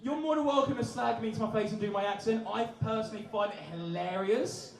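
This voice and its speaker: A man's voice: high voice, a little fast, vocal fry. An English man performing live in a music venue, singing and chatting with the crowd in rambling, self-deprecating banter. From England. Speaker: singer-songwriter and comedic performer. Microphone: vocal mic, filmed from the audience. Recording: echoey live venue with guitar. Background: guitar and music.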